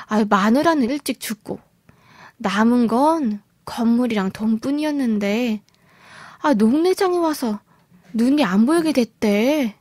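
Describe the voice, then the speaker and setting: A woman's voice: on the high side, animated, measured pace, a little mellow, no room sound, clean studio sound. A woman voicing a nosy, chatty middle-aged neighbor who drawls out gossip in a folksy way.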